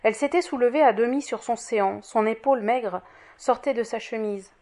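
A woman narrating a classic novel in a measured, expressive audiobook reading. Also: on the high side. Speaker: audiobook reader. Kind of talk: scripted narration.

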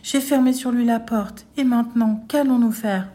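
Little girl, high sing-song chanting, devoted; a woman reader voices her. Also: normal speed, mellow, close to an everyday voice. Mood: anxious.

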